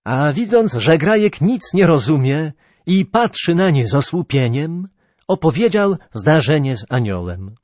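A man reads an old legend aloud as an audiobook in a slow, measured way. His pitch rises and falls expressively. The recording is dry and close to the mic. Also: big pitch swings, a little mellow, no echo. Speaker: narrator.

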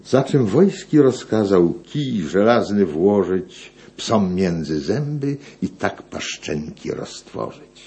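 A man reading epic poetry aloud in a slow, declamatory way. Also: deep voice, lively intonation, mellow.

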